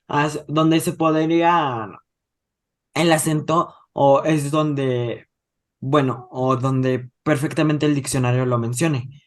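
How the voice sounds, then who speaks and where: A man explaining grammar rules in a casual podcast discussion, hesitant and restarting his words often. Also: fairly high pitch. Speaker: student explaining a topic.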